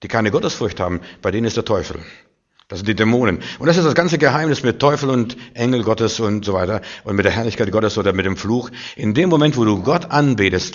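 Male preacher, impassioned sermon delivery with hushed asides and loud peaks, low-pitched, muffled lo-fi sound.

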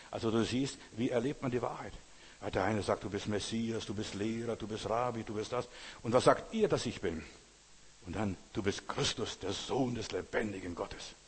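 A man preaching as a pastor, emphatic, repeating phrases and rising to loud exclamations. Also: lowish voice, slightly rough. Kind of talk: sermon. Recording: long hall reverb.

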